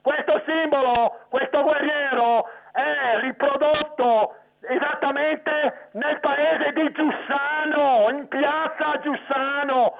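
Very high, creaky Veneto caller on phone. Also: female voice, fairly even intonation. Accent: northern Italian, Veneto. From Veneto, Italy. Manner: emphatic, repetitive, halting. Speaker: phone-in listener. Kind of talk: spontaneous phone-in opinion. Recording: tinny phone line with crowd murmur.

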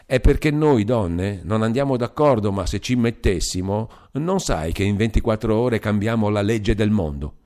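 A man's voice: moderate pace, few pauses, lightly acted. A man reading an audiobook, voicing a bold, fiery young wife in a raised, scornful tone. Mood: feisty. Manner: lively, scornful, raised pitch. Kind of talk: audiobook character voice.

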